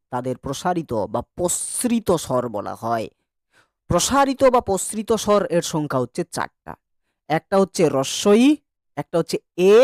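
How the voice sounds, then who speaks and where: A man's voice: high-pitched, no echo, clean studio sound. A man teaching an online grammar class, chatty and joking as he drills vowel sounds with his students.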